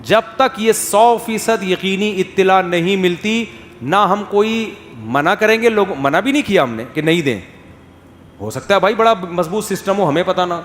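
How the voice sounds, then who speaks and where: A man delivers a sermon with a slightly high voice, shifting between emphatic, pointed questions and soft, hushed asides. The sound is roomy, with a long hall reverb and faint ambience underneath. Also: slight background noise. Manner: animated, rises to emphatic questions, drops to soft quotes. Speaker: Islamic scholar giving a talk.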